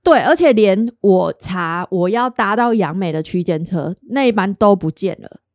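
A woman with a Taiwanese Mandarin accent, co-hosting a podcast, telling a travel mishap in animated, profane casual chat. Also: medium pitch, normal speed, dry recording, studio quality. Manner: animated storytelling, swears often, voices her own panic. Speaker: podcast co-host.

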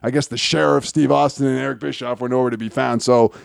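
Gravelly, blunt man chatting about wrestling. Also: mid-range voice, steady tone, quick pace, no room sound, studio quality. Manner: blunt, sweary. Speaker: podcast co-host. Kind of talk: casual opinionated wrestling chat.

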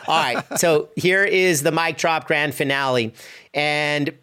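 A man's voice: a little high, takes it slowly, pushed and bright, clean tone. A man hosting a podcast, asking an upbeat closing question and reading the sign-off. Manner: upbeat, encouraging, promotional. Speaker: podcast host. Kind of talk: podcast interview and outro.

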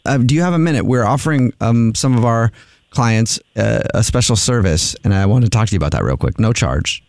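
A male radio host chats easily through a prank phone call, full of ums and little chuckles. His voice sits at an ordinary pitch and sounds close and dry in the studio. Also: lively intonation, darkish tone, no echo. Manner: casual, chuckling, halting with fillers.

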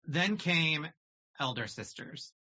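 A man hosts a casual interview with open enthusiasm. His voice is husky, with a bright, forceful edge. The recording is slightly dull and lo-fi. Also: a little high, animated, takes it slowly. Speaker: podcast host.

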